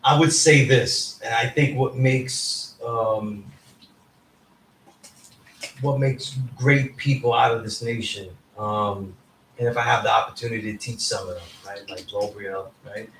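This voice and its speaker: In an indoor classroom, a male teacher lectures informally and emphatically, often checking in with "right?" His voice is fairly low, a bit bright, fairly even and a little slow. The echoey room, distant mic and background noise color the recording.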